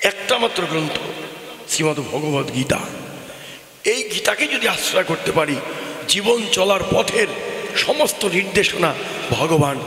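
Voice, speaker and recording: A man's voice: sits high, expressive, unhurried, pauses often, pushed and bright. A man giving a devotional kirtan sermon, telling a story with emphatic, sing-song delivery that rises and falls. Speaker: kirtan preacher. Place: open-air gathering with loudspeakers. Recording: echoey hall from a PA system.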